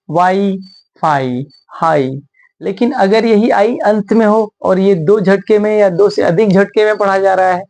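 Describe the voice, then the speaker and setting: A man's voice: sits high, a little mellow. Male teacher, patient and explanatory, spells each letter and repeats example words for an online lesson. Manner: addresses viewers as friends in a patient, explaining tone. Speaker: English pronunciation teacher. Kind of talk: video lesson.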